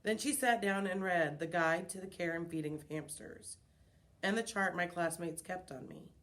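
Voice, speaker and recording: A woman's voice: fairly low pitch, normal speed. Woman reading a children's book aloud. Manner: expressive, storytelling. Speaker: reader.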